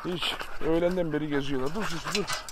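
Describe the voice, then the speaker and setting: Out by a chicken coop, a vlogger feeds his animals and chats casually to viewers, alternately fond and scolding as he coaxes them along. His voice sits on the high side, steady in tone and fairly quick. Background noise mixes with a rooster, chickens and birds.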